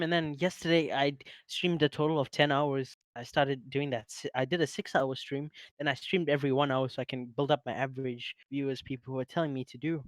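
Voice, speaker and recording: A man's voice: medium pitch, no echo. Slangy male streamer, dry close sound. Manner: slangy, swearing. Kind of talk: casual chat.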